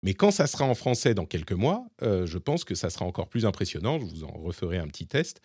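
A man's voice: low voice, sing-song, fast talker, darkish tone, slightly rough, dry recording, studio quality. A man hosting a casual tech podcast, chatting as he explains and demonstrates tools live. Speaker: podcast host.

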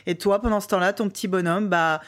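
A woman's voice: medium pitch, fairly even intonation, fast. A woman co-hosting a casual gaming chat, enthusiastic and chatty. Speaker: co-host.

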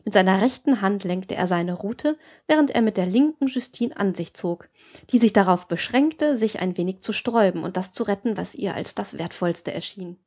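A woman reads a novel aloud as an audiobook narrator, keeping a calm, even tone. Her pitch sits in a typical middle range, and the delivery is steady, scripted narration. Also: normal speed.

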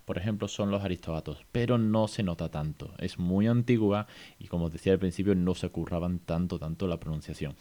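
A man's voice: deep voice, a little mellow. A man hosting a casual podcast lesson, chatty and informal, laughing often. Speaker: host teaching English.

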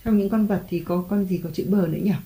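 A mother patiently teaching her child letters and tone marks at home, slowly drawing out the spelling and praising often. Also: mid-range voice, fairly even intonation, mellow. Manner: patient, encouraging, drawn-out spelling. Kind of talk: home reading lesson for a child. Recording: echoey room, faint background music.

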